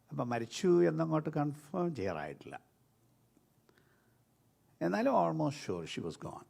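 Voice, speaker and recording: A middle-aged man, a pastor with a Malayali accent, preaching a sermon that swings between loud and soft and drops in English words. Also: mid-range voice, gravelly. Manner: lively preaching, rising and dropping sharply between loud and soft; mixes English words into his speech.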